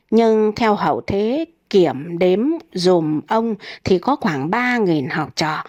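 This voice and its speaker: A woman narrating comic folk tales in a steady, even voice. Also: mid-range voice, no echo. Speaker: storyteller.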